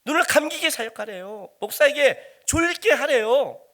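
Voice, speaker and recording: A man's voice: very high-pitched, animated, normal speed, a bit bright. A middle-aged man preaching a sermon as pastor, talking conversationally and firing rhetorical questions at the congregation.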